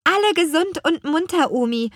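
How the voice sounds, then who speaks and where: A woman voicing an eager, earnest young apple witch girl in an audiobook, with a bright, pleading delivery. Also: sits high, lively intonation, normal speed, no echo, studio quality, pitched above the performer's own voice. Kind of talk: audiobook character voice.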